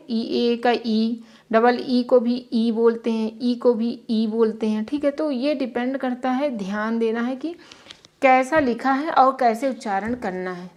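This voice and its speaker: A woman teaches a slow beginner phonics lesson. She spells words out letter by letter in a patient, repetitive way. Her voice sits a little high for a woman. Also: darkish tone. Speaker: English teacher.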